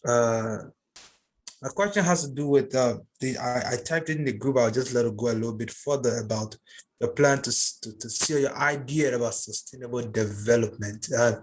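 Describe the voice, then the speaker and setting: A man, a student, asking an earnest and halting question over a video call. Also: medium pitch, slight background noise, poor audio. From Liberia.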